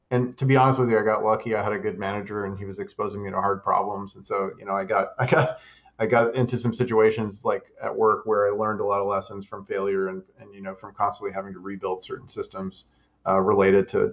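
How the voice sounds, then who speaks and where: In a casual interview, a man who works as an investor and startup advisor answers questions in a measured, even way, with lots of fillers and frequent restarts of his phrases. His voice is low with a gravelly edge, and the recording sounds slightly dull and muffled.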